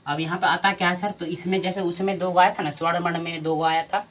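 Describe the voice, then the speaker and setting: A male teacher with a Bihari Hindi accent delivers a grammar lesson, frequently turning key answers back to his students as questions. His high-pitched voice is quick, slightly bright, and fairly flat in intonation, picked up by a distant mic with a bit of hiss or hum.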